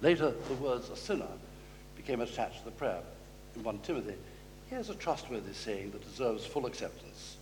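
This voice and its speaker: Male preacher, mid-pitched, measured sermon delivery, long church reverb. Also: expressive, noisy background. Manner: measured, slows down to quote scripture.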